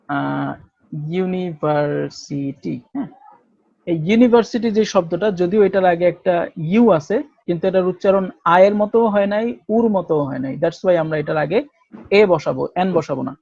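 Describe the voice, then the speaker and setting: A Bangladeshi man teaching a spoken English class, explaining slowly and switching between Bengali and English examples. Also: high-pitched, vocal fry, darkish tone, no room sound. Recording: dull, dry lo-fi recording.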